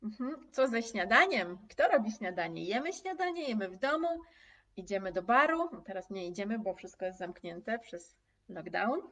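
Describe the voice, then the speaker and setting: A woman teaching a live online language lesson, speaking slowly and clearly, repeating example phrases and answering viewers' comments. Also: medium pitch, animated, fairly bright tone, recorded from a distance.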